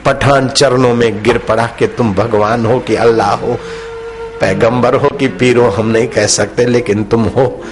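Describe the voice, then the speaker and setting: Male preacher, devotional sermon, storytelling, acts out quotes, slow emphatic phrases, faint music underneath. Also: mid-range voice, fairly even intonation. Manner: acts out quoted characters in his stories. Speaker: spiritual preacher.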